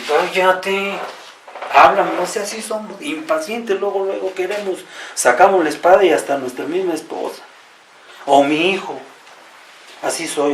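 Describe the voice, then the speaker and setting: A man's voice: a little high, a little hiss or hum. A man with a Mexican Spanish accent preaching a sermon in an earnest, repetitive way and often turning to address the congregation directly. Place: church hall. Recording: roomy echo, from far off, faint ambience.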